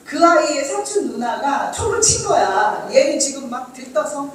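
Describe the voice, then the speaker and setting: A middle-aged woman reads aloud from her parenting diary, then chats with her audience and asks them questions in a storytelling talk. Her voice is high-pitched and sing-song at normal speed. The audio is poor, very echoey and distant, with slight background noise.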